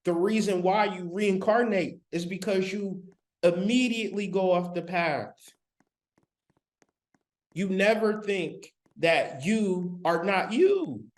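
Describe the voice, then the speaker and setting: Talking slowly in a voice that sits high, a man gives a spiritual lecture over a live stream. He speaks straight to his audience on a laptop microphone, repeating himself emphatically in everyday language.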